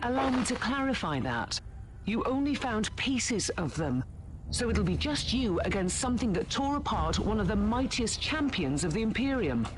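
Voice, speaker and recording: Blunt, animated female ship captain. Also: on the high side, moderate pace. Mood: stern warning. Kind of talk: video game voice acting. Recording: noisy game ambience.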